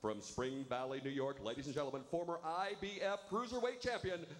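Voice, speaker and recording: A man working as ring announcer, giving formal fighter introductions and drawing out the names. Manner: booming, drawn-out announcing of names. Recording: echoey arena with faint noise.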